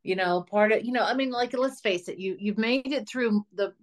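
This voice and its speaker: A woman hosting a casual talk show, rambling with lots of fillers and warm praise. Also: medium pitch, moderate pace. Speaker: host. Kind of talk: casual chat.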